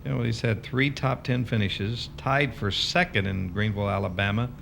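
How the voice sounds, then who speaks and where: A man's voice: on the low side, steady tone, normal speed, creaky, noisy background. A man working as a golf commentator, giving conversational, chatty analysis of play with some hesitation.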